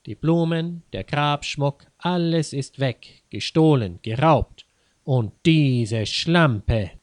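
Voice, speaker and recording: A man's voice: medium pitch, expressive, takes it slowly, dry recording. A man voicing a furious middle-aged widow who screams insults and scorns her rival. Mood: indignant. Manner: shrieking insults, scornful and self-righteous.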